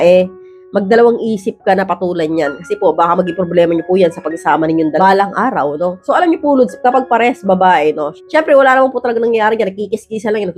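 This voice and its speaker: A woman hosting an advice vlog in a casual, blunt way. She keeps checking in with tag questions, and her voice has a roughened edge from years of rapping. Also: mid-range voice, a little mellow. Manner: rapid, blunt delivery she calls man-like. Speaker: advice vlogger, host. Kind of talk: casual advice talk to viewers.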